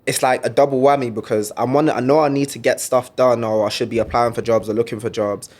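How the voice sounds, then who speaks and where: A man's voice: medium pitch, steady tone, fast talker, a little mellow. A man, hosting a podcast and telling stories in a laid-back, slangy way. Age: 20s. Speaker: podcast host. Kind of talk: casual chat.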